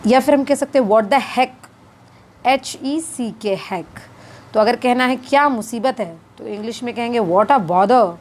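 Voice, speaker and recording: A woman teaching spoken English, repeating each phrase slowly and deliberately. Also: fairly high pitch, slight background noise, rough recording.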